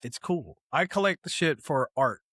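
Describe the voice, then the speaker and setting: A man co-hosting a comic book podcast, talking loudly and excitedly, swearing a lot and laughing often. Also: a little high, normal speed, no echo, clean studio sound. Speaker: podcast co-host. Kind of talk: casual chat.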